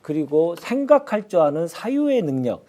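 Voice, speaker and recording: A man, a party spokesman on a political talk show, speaking in a measured, thoughtful way with hesitant fillers. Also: fairly high pitch, big pitch swings, warm tone.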